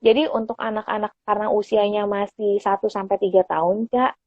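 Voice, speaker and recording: Casual chat, woman giving parenting tips, slightly husky, dry lo-fi live audio. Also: mid-range voice, fairly even intonation, a little fast, dry recording. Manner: patient and explanatory, often calls the host by name; casual conversational speech with fillers. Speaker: child psychologist guest. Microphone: phone on an Instagram live stream. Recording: dull lo-fi stream audio.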